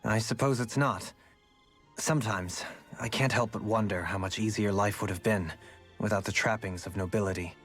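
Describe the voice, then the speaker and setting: An actor playing a refined, gentle and eccentric former lord in a game, speaking in formal, courtly phrasing. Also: male voice, fairly low pitch, fairly even intonation, brisk, soft background music, natural voice. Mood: reflective. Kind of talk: game character dialogue.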